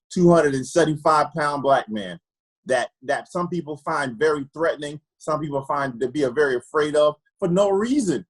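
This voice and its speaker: A man from Trinidad, speaking as an optometrist guest, tells personal stories earnestly. His voice is somewhat husky and sits a little high for a man. He often stumbles over repeated words as he gathers his thoughts. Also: rough recording. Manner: earnest, repeats words while searching for them. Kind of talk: candid personal storytelling.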